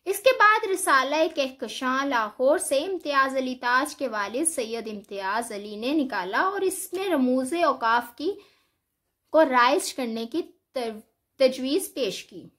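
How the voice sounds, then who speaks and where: A woman giving a scripted grammar lesson, explaining in a measured, explanatory way. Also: high-pitched, animated, pushed and bright. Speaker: Urdu teacher. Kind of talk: scripted educational lecture.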